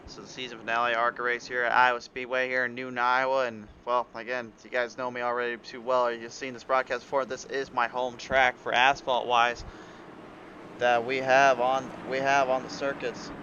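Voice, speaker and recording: Delivered flatly at a normal speed, this man's medium-pitched voice sounds pushed and bright as he rambles through live racing league play-by-play, restarting lines and using fillers. He's a little unwell, his voice sometimes cuts out, and the recording is muffled with slight background noise.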